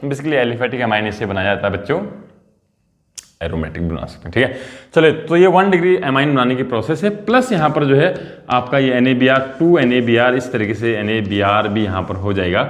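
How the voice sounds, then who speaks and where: A male chemistry teacher giving a lively lecture, repeating key terms and coaxing his students to answer. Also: medium pitch, brisk. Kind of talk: classroom lecture.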